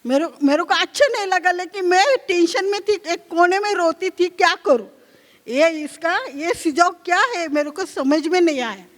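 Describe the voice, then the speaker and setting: A woman telling her own life story at a gathering, in a halting, repetitive way, often asking herself what she should do. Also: very high-pitched. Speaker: conclave speaker sharing a personal story. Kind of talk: first-person testimony. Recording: long hall reverb.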